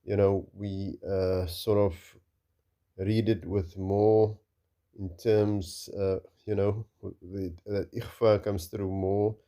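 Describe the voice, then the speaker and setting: A low-pitched man with a very dark, mellow tone teaches Arabic reading. He speaks slowly and patiently and repeats each word several times so learners can follow. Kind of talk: recorded reading lesson.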